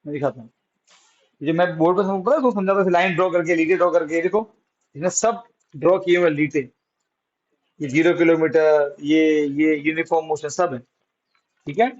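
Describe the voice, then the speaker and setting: A man's voice: on the high side, steady tone, normal speed, pauses often, dull audio. A male science teacher, teaching a classroom physics lesson, coaxing students and answering his own questions.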